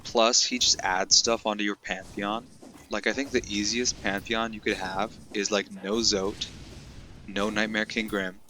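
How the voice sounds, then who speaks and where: A young man giving casual, chatty let's-play commentary, excitable and talking straight to his viewers. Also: on the low side, a little slow, slight background noise. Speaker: gaming commentator.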